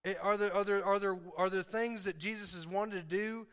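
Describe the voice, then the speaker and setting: Male preacher, high and forceful voice, informal but impassioned, hammering repeated phrases home to his congregation. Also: fairly even intonation, fairly quick, smooth. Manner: informal, conversational asides. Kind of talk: sermon to a congregation.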